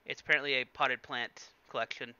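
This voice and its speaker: A man's voice: mid-range voice, fairly even intonation, a little fast, pushed and bright, clean tone, muffled recording. A man hosting a let's play, giving chatty, casual game commentary full of fillers.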